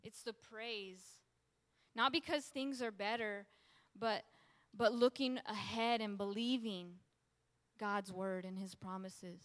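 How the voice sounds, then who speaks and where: A woman's voice: mid-range voice, fairly even intonation, takes it slowly, fairly bright tone. A woman preacher giving an emphatic sermon and repeating key phrases for weight. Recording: long hall reverb.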